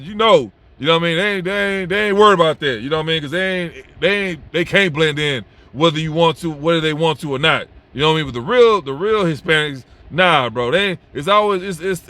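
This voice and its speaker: This young advice vlogger talks to camera quickly, barely pausing, in a fairly high voice with a sharp tone. He's blunt, repetitive and slangy, dropping "bro" constantly in an unscripted monologue.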